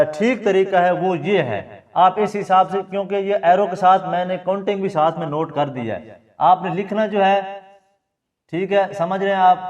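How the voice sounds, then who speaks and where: Male Pakistani teacher, patient board explanations, higher voice, far from a muffled mic. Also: darkish tone. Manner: explains patiently, often checks understanding. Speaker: Korean language teacher. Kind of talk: classroom lesson at a board. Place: classroom, standing at a board. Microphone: camera mic from a distance. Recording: distant, dull camera audio.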